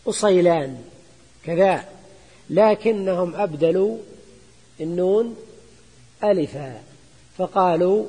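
Older man, patient grammar lecturer, repeats key terms; husky voice, long hall reverb. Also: high voice, mellow. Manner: explains slowly, repeating terms and answering students. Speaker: teacher of Arabic grammar. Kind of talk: classroom lecture explaining a grammar text. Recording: echoey hall recording.

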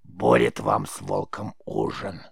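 A man reading an audiobook, voicing a spiteful old forest witch with a creaky voice. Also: rumbling low, sing-song, slow, dry recording, clean studio sound, voice pushed down, exaggerated voice. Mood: barking.

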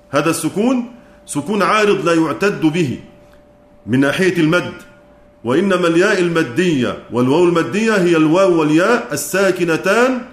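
A man's voice: fairly high pitch, echoey room. A man with an Egyptian Arabic accent lecturing on Quran recitation, explaining step by step and asking his students questions he then answers himself. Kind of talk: teaching a lesson.

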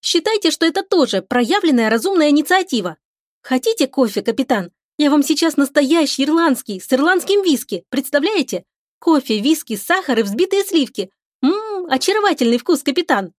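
A woman's voice: high voice, big pitch swings, moderate pace, no echo, studio quality, pitched above the performer's own voice. A woman voicing a bubbly, eager young female sailor on a starship, with a playful, sing-song delivery.

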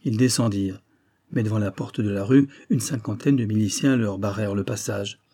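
A man narrating a classic novel as an audiobook in a measured, expressive way. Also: lowish voice.

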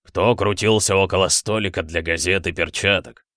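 Guy doing a grumpy stern count, low and commanding, dry audio. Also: fairly even intonation, moderate pace, fairly bright tone, dry recording. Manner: stern, gruff. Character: stern, impatient aristocratic count.

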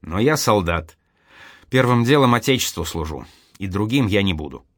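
A man's voice: fairly low pitch, animated, moderate pace, dry recording, clean studio sound. A man voicing a proud young soldier who speaks in a firm, clipped, gloomy way in an audiobook reading. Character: stern young male soldier, proud and sullen. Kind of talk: audiobook character voice.

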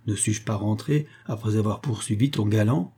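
A man's voice: on the low side, normal speed, dark tone, slightly rough. A man reading the lines of a jealous husband who angrily accuses his wife. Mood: accusing. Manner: accusing and outraged.

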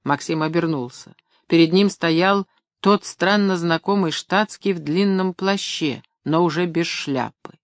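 A man's voice: a little high, measured pace, no echo. Man narrating an audiobook, dry sound. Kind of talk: scripted narration.

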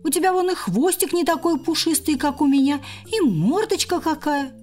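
A woman's voice: sits high, lively intonation, normal speed, a little mellow, soft background music, voice pushed up. A woman voicing an indignant young female squirrel who squeals shrilly in a quarrel.

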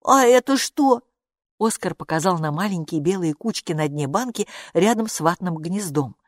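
A woman narrating a children's story aloud in an animated, expressive way. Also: fairly low pitch, normal speed, no echo, clean studio sound. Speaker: audiobook narrator.

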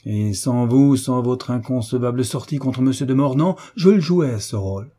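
A man's voice: medium pitch, steady tone, measured pace, warm tone, lightly acted. A man voicing a pompous, easily offended baron in an audiobook, orating with indignation. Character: pompous touchy aging baron, self-important politician. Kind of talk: audiobook character reading.

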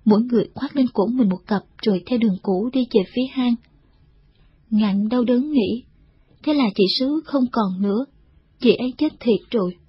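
A woman reading a novel aloud as the narrator, in a measured, even way. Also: a little high, no room sound. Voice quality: very husky. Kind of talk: scripted audiobook narration. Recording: dull, dry lo-fi recording.

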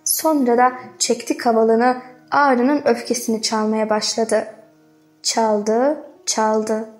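A woman narrating a literary novel as an audiobook, reading in a measured, dramatic way. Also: a little high, flat delivery, soft background music.

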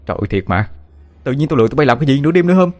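A man's voice: mid-range voice, expressive, rapid-fire, voice pushed up, lightly acted. A man voicing a jumpy, easily spooked young male student, talking in an exasperated, protesting way. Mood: alarmed. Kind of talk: audiobook character voice.

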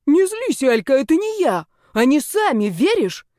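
A whiny, sweet-talking young male snake shapeshifter, as a woman reader puts him on. He plays the innocent in a higher, thinner voice. The storybook read is dry and close, with no room sound. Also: sing-song, moderate pace, darkish tone, no room sound. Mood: whining. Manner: whining, wheedling, innocent-acting.

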